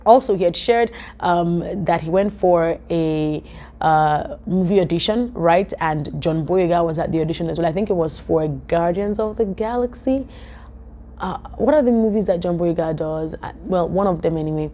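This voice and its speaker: A young woman, chatting to camera in a vlog, animated and full of "um"s, from her office. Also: lowish voice, moderate pace, slight background noise. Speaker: vlogger. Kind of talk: casual talk to camera.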